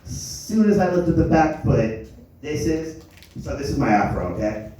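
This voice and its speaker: A man's voice: fairly high pitch, very animated, moderate pace, mellow. A young man who grew up in Germany, doing rambling, self-deprecating stand-up comedy on a lounge stage. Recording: echoey club from a distance.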